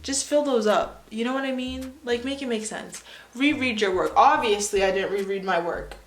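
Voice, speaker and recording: A woman's voice: on the high side, normal speed, roomy sound, low-quality recording. A woman of nineteen reading her old story aloud and breaking off for sarcastic, self-mocking comments. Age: young adult. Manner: sarcastic, self-mocking asides between read passages.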